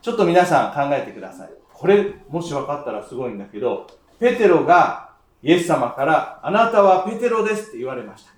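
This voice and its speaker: Animated Japanese preacher in an echoey church. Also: male voice, medium pitch. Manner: animated, speaks to the congregation and slows down on scripture. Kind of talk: sermon.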